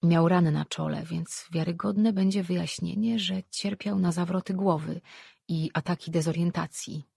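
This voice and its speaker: An audiobook narrator reading a fantasy novel in a steady, measured way. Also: mid-range voice, gravelly, slightly rough, no room sound, studio quality.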